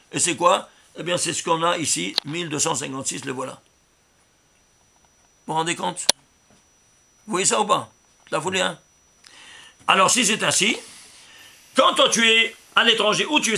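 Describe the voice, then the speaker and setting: High gravelly voice of a rabbi teaching. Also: male voice. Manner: asks the listeners rhetorical questions; emphatic, stresses words loudly. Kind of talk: Torah commentary with number interpretation.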